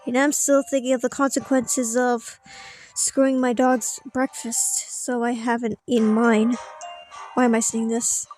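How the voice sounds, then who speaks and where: A woman's voice: a little high, little pitch movement, a little slow, darkish tone, faint music behind, low-quality recording. A woman playing through a story game, reading the dialogue aloud theatrically with casual asides. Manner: theatrical, acting out character lines. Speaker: let's play streamer.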